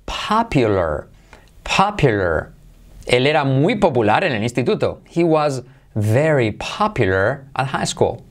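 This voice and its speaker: A man with a Spain Spanish accent teaches English online in a lively way, pausing to repeat each word slowly and clearly. His voice sits at an ordinary middle pitch for a man. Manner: lively, repeats words slowly to drill pronunciation. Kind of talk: online language lesson.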